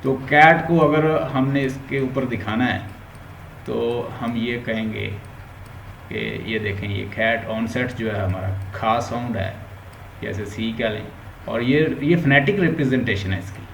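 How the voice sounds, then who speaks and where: A man's voice: mid-range voice, unhurried, gravelly. A male linguistics teacher with a Pakistani Urdu accent, giving an online lecture and explaining step by step while mixing English terms into his Urdu. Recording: roomy echo, faint background hum.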